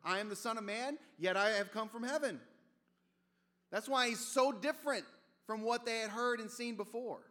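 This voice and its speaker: A man's voice: extremely high pitch, moderate pace, sharp tone. A man preaching a sermon as pastor, conversational and storytelling, with casual asides. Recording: long reverb of a large hall.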